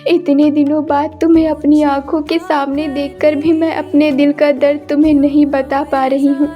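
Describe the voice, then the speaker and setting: A woman voicing a sorrowful young woman cursed into a flower, speaking a soft, longing inner monologue over background music. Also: sits high, little pitch movement, moderate pace, lo-fi sound, lightly acted. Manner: wistful, soft, inward monologue. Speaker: voice actor. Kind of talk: dubbed cartoon acting.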